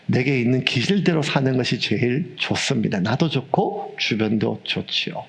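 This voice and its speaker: A man in his fifties, a pastor preaching a sermon with humorous, animated storytelling. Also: mid-range voice, moderate pace, vocal fry. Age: 50s.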